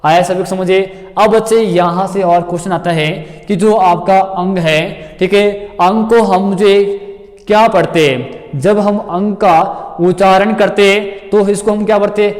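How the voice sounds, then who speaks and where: A male coaching teacher with a fairly high, slightly mellow voice walks exam students through grammar at a measured pace and fairly even intonation. He repeats points, calls them kids and often checks they're following, with long lingering reverb on the recording.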